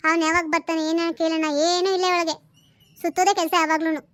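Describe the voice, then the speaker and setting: A woman voicing a sharp-tongued, nagging mother who scolds her grown daughters in a cartoon family drama. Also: very high voice, level tone, quick pace, no room sound. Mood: complaining.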